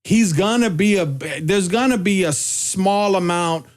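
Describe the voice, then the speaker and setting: A man with a slightly high voice hosts a casual podcast chat. He talks in a reflective, measured way, choosing his words with care. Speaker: podcast host.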